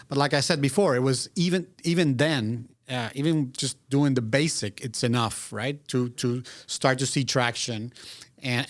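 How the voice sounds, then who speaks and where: A middle-aged man from Venezuela, a guest business consultant, telling his story in a measured, reflective way with frequent restarts. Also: medium pitch, no echo. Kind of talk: casual interview.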